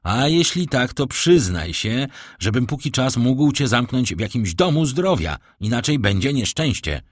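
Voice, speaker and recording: A man voicing a cool, commanding nobleman who speaks in a measured, ironic way, in an audiobook reading. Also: medium pitch, big pitch swings, no echo, studio quality, voice pushed up. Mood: cold, ironic.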